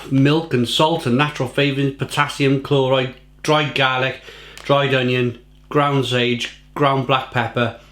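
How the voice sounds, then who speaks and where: A man giving a casual, rambling snack review, munching crisps between phrases and repeating himself for mock-dramatic emphasis. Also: mid-range voice, fairly bright tone. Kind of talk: casual food tasting review to camera. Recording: echoey room, faint noise, packet crinkling. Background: crisp packet crinkling and crunching.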